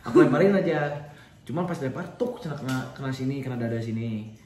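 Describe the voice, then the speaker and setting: A young man telling a story in a casual chat, animated and acting out the dialogue. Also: medium pitch, fast talker. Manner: animated, acts out quoted dialogue. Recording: echoey room.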